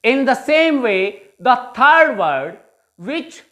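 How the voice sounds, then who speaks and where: Woman, Indian English accent, teacher, very slow delivery, fairly high voice, repeats questions. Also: very animated, a bit bright. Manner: deliberate, repeats questions to viewers. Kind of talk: bilingual phonetics lecture.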